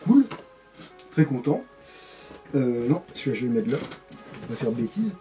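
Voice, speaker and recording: Male host, mellow timbre, rambling hands-on chat, faint music bed. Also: mid-range voice, sing-song, moderate pace. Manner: rambling, many fillers and repeats. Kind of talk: casual chat while assembling models.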